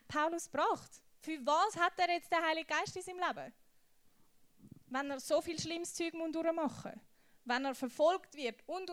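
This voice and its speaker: A young woman preaches to a youth group in a casual, slangy style. Her voice sits a little high, and she tells her stories with lively energy.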